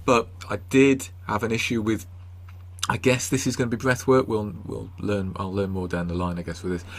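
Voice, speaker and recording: A man's voice: on the low side, flat delivery, normal speed. A man with an English accent in casual podcast chat, self-deprecating and dryly humorous. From England. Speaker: podcast co-host.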